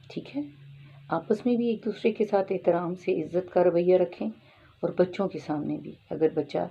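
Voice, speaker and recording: A woman's voice: deep voice, vocal fry, mellow, slightly rough, muffled recording. A woman giving parenting advice in Urdu mixed with English words, explaining patiently and often checking if listeners follow. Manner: explains patiently, often asking "theek hai?". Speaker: parenting advisor.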